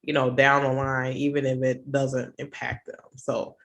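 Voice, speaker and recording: A woman's voice: a bass voice, little pitch movement, unhurried, vocal fry, a bit bright. A woman hosting a podcast interview, thinking aloud in a casual, reflective, hedging way. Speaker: podcast host.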